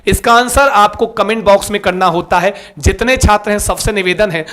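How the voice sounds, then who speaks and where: A man teaching a live online class. He talks in a lively, coaxing way, repeats key terms and keeps asking his students to answer. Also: high voice, normal speed.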